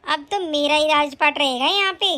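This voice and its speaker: A woman's voice: sits high, moderate pace, sharp tone. A woman voicing a scheming rich young bride. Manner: smug, scheming, later pleading. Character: scheming greedy young rich daughter-in-law. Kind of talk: animated story voice acting.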